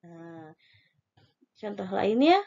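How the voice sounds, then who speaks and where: A woman with an Indonesian accent teaching a spelling lesson, slowly dictating and drawing out example words syllable by syllable. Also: mid-range voice, sing-song, vocal fry, dark tone, highs cut off.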